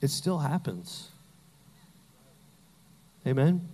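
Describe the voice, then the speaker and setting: A man's voice: medium pitch, big pitch swings, very slow, mellow, slightly rough, in a large hall. A man preaching a sermon as pastor, telling Bible stories with humor and acting out the characters.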